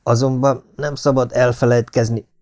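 A man's voice: mid-range voice, little pitch movement, darkish tone, pitched above the performer's own voice, natural voice. A man voicing a worried, serious detective in an audiobook. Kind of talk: audiobook character reading.

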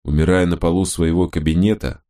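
A man reading a novel aloud in the first person, in a very low, deep register. His delivery is measured and even. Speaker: audiobook narrator. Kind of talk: first-person scripted narration.

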